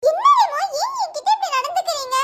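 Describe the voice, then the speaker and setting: A woman's voice: extremely high pitch, very animated, fairly quick, very noisy. A woman voicing a meek, heartbroken young wife in a cartoon who pleads tearfully. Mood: pleading. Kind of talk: cartoon voice acting.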